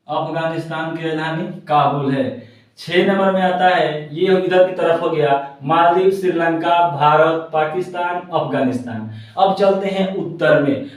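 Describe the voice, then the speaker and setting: A man with a fairly high voice teaches a geography lesson from a map, repeating every point twice and chanting lists of countries in a sing-song way. It's a classroom-style map lesson, recorded in a very echoey room with him standing away from the mic.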